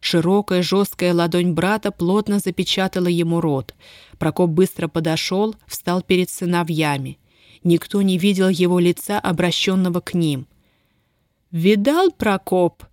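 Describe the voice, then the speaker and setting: A woman narrating a dramatic story in a measured storytelling manner. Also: fairly low pitch, steady tone, darkish tone, no room sound, studio quality. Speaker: audiobook narrator. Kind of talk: scripted narration.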